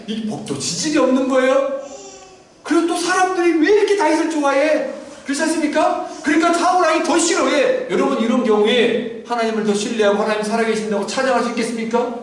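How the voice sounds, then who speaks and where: Male pastor, high voice, lively sermon delivery, far mic in a very echoey room. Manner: animated preaching, addresses congregation often, acts out prayers.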